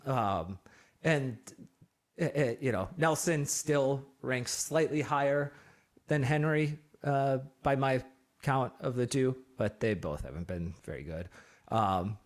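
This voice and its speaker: A man's voice: medium pitch, slow pace. A man hosting a casual sports podcast, rambling with lots of fillers and frequent laughter. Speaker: podcast host. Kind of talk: casual chat.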